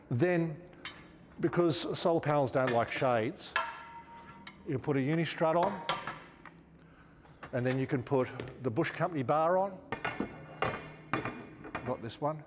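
A medium-pitched man in his fifties with an Australian accent chats as he handles gear in a large indoor showroom, working as an outdoor gear store presenter. The audio has a long reverb tail and a noisy background.

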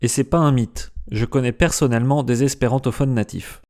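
A man narrating a scripted educational video about a language, lively, and slowing down carefully to spell out pronunciations. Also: mid-range voice.

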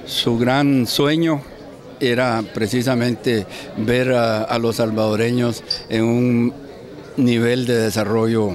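Man, 60s, unhurried, flat level voice, interview. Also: mid-range voice.

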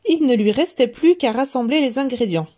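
A woman reading a children's story aloud, gentle and expressive. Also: sits high, brisk.

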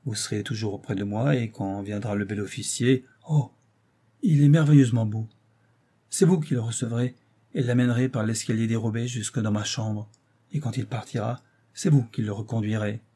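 A man's voice: lowish voice, moderate pace, warm tone, slightly rough. A male audiobook reader voicing a scornful, cruel young actress who taunts her lover with icy mockery. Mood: mocking. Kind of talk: audiobook reading.

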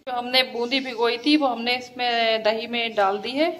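A woman with a cold and a hoarse voice, casually explaining a home recipe step by step as a cooking vlogger. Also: on the high side, level tone, moderate pace, a bit bright, a little hiss or hum. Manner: plain, homely instructional tone.

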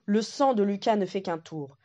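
A woman narrating a storybook in a slow, deliberate reading. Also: medium pitch, animated, dark tone. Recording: dull lo-fi recording.

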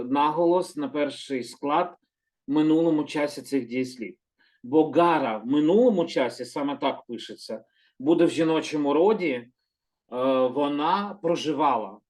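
A man gives a gentle, unhurried lesson and explains each word with patience. He often slows down to repeat terms and corrects his own slips. His voice sits a little higher than most men's. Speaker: Hebrew teacher. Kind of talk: calm slow explanatory lesson.

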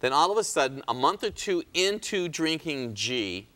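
A man's voice: a little high, big pitch swings, moderate pace, sharp tone. Emphatic male chiropractor hosting a health show. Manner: emphatic, pleading, sarcastic asides.

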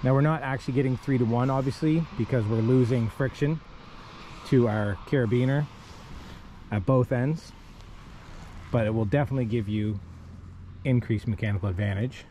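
A man with a mellow, dark voice walks through rope rigging one step at a time, in a plain and methodical manner. He is outdoors on a rocky riverbank, recorded by a camera on his body. A faint outdoor hiss sits behind him. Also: medium pitch, normal speed, long pauses. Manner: plain, methodical, talks while rigging by hand. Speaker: kayak rescue instructor. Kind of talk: step-by-step instructional demo. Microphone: wearable camera on body.

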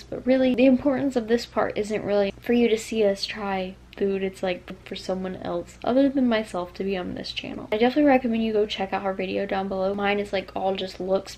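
A woman's voice: medium pitch, vocal fry, darkish tone, a little hiss or hum. A young woman vlogger with a lisp from wearing a retainer, chatting casually to the camera. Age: young adult. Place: small bedroom, indoors. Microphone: camera held at arm's length.

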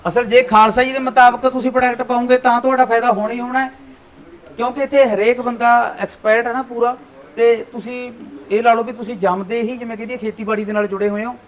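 A man hosts a shop promo, firing off short friendly questions at customers. His voice sits very high and he talks at a rapid clip. He keeps the chat brisk and upbeat. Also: level tone. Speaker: interviewer at a pesticide shop.

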